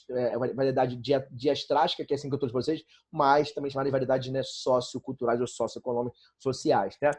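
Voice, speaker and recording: A man's voice: a little high, darkish tone. A man teaching a writing class online to students, talking casually and constantly checking in with his listeners. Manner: chatty, filler-heavy, frequent rhetorical checks.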